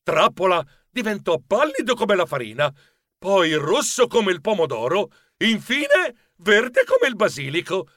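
A man narrating a children's audiobook in an animated storytelling manner. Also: high voice, unhurried, dry recording, studio quality.

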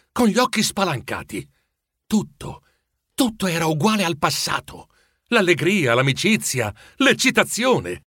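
A man reading a storybook aloud in an expressive, animated way. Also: on the high side, slightly rough, no echo, clean studio sound. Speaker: narrator. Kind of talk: storybook narration.

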